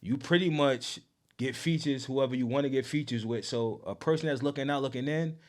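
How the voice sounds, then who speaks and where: A man's voice: medium pitch, a little fast. Casual male podcast host with street slang.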